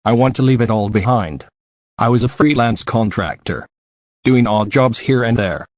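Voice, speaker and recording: A man's voice: mid-range voice, moderate pace, a little mellow, dry recording, lightly acted. A man reading the part of an easygoing young male wanderer who talks casually.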